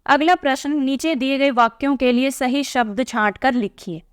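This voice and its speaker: A woman's voice: high-pitched, normal speed, smooth, dry recording, studio quality. A woman teacher patiently explaining a textbook lesson to young pupils, often checking in with "theek hai?".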